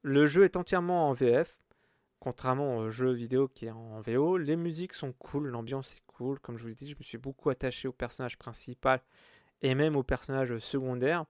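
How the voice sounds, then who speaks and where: A man's voice: mid-range voice, brisk, darkish tone, dry recording, studio quality. A man giving a casual video game review in French, rambling with many fillers and restarts.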